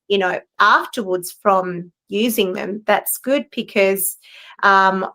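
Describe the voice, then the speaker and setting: A middle-aged professional singer talks casually on a live-streamed video call from home during a roundtable chat, rambling with lots of fillers and restarts. Her voice is medium in pitch and a bit bright.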